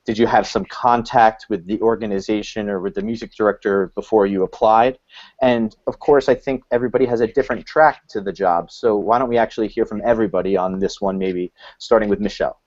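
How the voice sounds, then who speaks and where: A man's voice: lowish voice, darkish tone. A man moderating a panel discussion over a video call, asking questions in a friendly, organized way. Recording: muffled video call audio.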